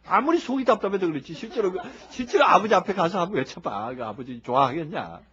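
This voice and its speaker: A man preaching a sermon in a lively, humorous way, acting out people who shout as they pray. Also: high voice, quick pace. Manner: animated, humorous, acts out shouting worshippers. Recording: dull lo-fi recording.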